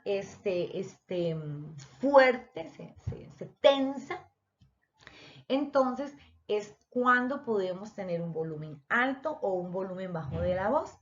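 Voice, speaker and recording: A woman teacher explains a lesson and talks directly to her students in an online voice lesson. Her voice is mid-range with a darkish tone, and the dull lo-fi recording carries a little hiss or hum.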